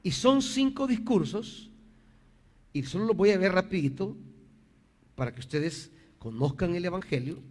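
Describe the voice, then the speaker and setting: A man's voice: sits high, lively intonation, moderate pace, long pauses. A male pastor preaching a sermon in church over a microphone, hammering his points home by repeating key phrases. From El Salvador. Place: church sanctuary. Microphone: handheld or stand microphone on a PA system.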